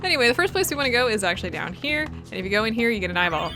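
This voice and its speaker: A woman's voice: fairly high pitch, sing-song, rapid-fire. A woman casually commenting on gameplay as a let's play host, chatty and full of joking asides. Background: game music.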